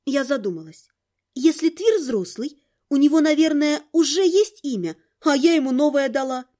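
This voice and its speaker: A woman reading a first-person audiobook with expressive, lively storytelling. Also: sits high, normal speed. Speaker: audiobook narrator.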